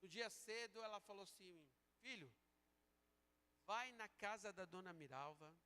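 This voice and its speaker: A man preaching a sermon as a pastor, moving between slow emphatic calls and quieter storytelling. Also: high voice. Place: church sanctuary. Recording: church sanctuary with long reverb.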